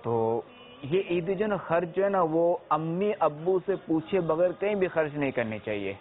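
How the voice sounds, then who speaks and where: A man's voice: fairly high pitch, animated. Man giving children simple advice, tinny. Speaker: religious speaker advising children. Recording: tinny phone-like sound with faint noise.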